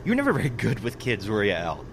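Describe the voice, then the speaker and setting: Man acting a smug, animated tech entrepreneur. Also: fairly low pitch, quick pace, background noise. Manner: self-satisfied, emphatic. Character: boastful male tech entrepreneur, smugly claiming credit.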